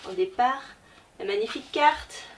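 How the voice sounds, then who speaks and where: A book vlogger presents a casual book haul, chatty and hesitant with plenty of fillers. Her voice is a little high and animated, at a normal speed, picked up by a distant mic with faint background noise.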